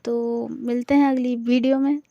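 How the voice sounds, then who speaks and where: A woman's voice: on the high side, little pitch movement, moderate pace, vocal fry, mellow, dry recording, highs cut off. A young woman narrating a romance story in a chatty, casual way with many fillers. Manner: chatty, filler-heavy retelling.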